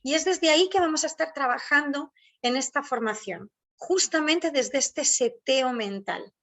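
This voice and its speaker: A woman leads a spiritual online workshop from indoors at home. Her voice sits a little high, and she speaks slowly and deliberately, stacking phrases in measured, repeating lists. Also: animated, fairly bright tone. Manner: slow, deliberate, listing phrases in measured repetition. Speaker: workshop facilitator. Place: indoors at home, near a door.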